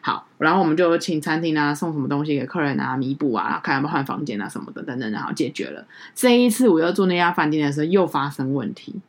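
A woman co-hosting a podcast in casual chat, telling a story in an animated way and acting out what others said. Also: low voice, fast talker, hardly any pauses. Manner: animated storyteller, acts out quoted people. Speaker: podcast co-host.

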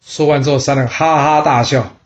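A man hosting a storytelling podcast, telling history in a chatty, lively way. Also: a little high, a little fast, lo-fi sound. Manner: chatty, lively storyteller voicing characters in dialogue. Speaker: storyteller host.

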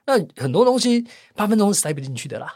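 A man with a Taiwanese accent chats as a podcast guest in a blunt, everyday way. His pitch sits a little high and moves around a lot, and he speaks at a fast clip. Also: sing-song, a little mellow, no room sound, studio quality. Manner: blunt, plain-spoken, repeats agreement words. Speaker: podcast guest, video creator. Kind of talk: casual podcast chat.

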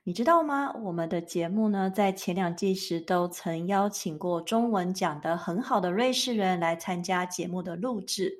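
Expressive woman hosting a podcast. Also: lowish voice, normal speed, few pauses. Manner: expressive, reacts with exclamations. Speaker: podcast host. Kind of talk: friendly podcast interviewing.

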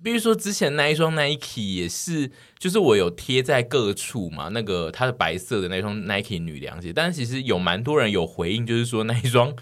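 A man's voice: mid-range voice, sing-song, brisk, few pauses. A man with a Taiwanese accent co-hosting a casual chat, with a teasing way of talking. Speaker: podcast co-host.

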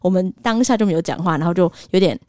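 A woman's voice: lowish voice, racing, dry recording, clean studio sound. A woman in her thirties with a Taiwanese Mandarin accent, co-hosting a casual podcast and acting out the people in her stories. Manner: animated, acts out quotes in shifting voices. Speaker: podcast co-host. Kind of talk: casual storytelling chat.

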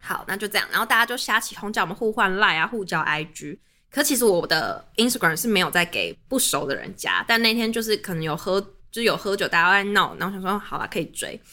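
A young podcast host with a Taiwanese Mandarin accent tells a story in a casual, animated chat, speaking fast and vividly. Her bright, forceful voice swings widely in pitch.

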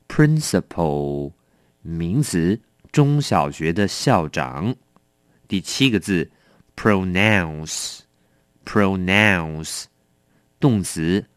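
A middle-aged man teaching English vocabulary. He reads each word slowly and carefully, then speeds up when he adds warnings and asides. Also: on the low side, no room sound, studio quality. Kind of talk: explaining a word list.

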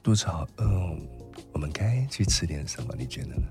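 A man putting on a coy breathy young woman. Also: sits low, animated, a little fast, over music, voice pushed down. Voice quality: breathy, nasal.

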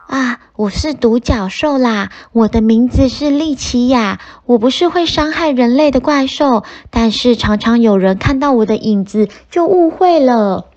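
A woman voicing a gentle, friendly giant unicorn in a children's storybook, speaking softly and kindly. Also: a little high, expressive, measured pace, hardly any pauses, muffled recording. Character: gentle friendly female unicorn, huge, rainbow-winged.

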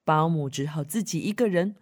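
A woman reading a picture book aloud to children in an animated, playful way, asking them questions and making sound effects. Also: low voice, a little fast. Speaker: children's storyteller.

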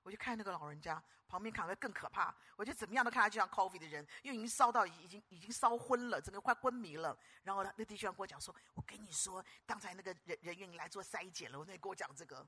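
An older woman preaching a sermon, moving between hushed storytelling and loud, rousing calls to the congregation. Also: mid-range voice, quick pace, hardly any pauses, breathy edge. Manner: animated, swings from hushed storytelling to loud exhortation.

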